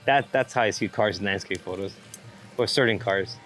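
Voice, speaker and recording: Speaking at a normal pace, this man has a somewhat low, slightly bright voice, with soft music playing behind him. As the interviewed street and landscape photographer, he rambles with enthusiasm through a relaxed, unscripted conversation, using slang and swearing a lot. The audio is clear, though outdoor ambience and background noise come through.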